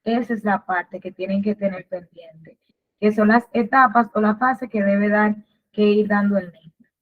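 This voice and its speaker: A woman's voice: mid-range voice, fairly even intonation, normal speed. A woman presenting a literacy workshop in a webinar lecture, patiently explaining and asking and answering her own questions. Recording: tinny phone-like webinar audio.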